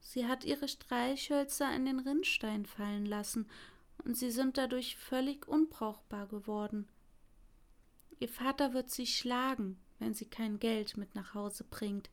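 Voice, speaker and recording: Brief: selfless, grieving prince statue in a fairy tale, quiet and breathy, read by a woman. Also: on the high side, measured pace. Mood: sorrowful. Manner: hushed, half-whispered.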